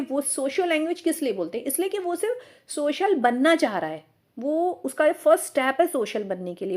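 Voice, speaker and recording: A woman teacher with a fairly high voice explains a lesson step by step. She asks and answers her own questions, mixing terms into her talk. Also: a little mellow. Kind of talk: exam-prep lecture.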